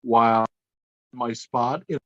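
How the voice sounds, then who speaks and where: A man reading a script aloud over a laptop video call, his audio choppy and cutting in and out, his phrases halting and broken off. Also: medium pitch, steady tone, no room sound, muffled recording.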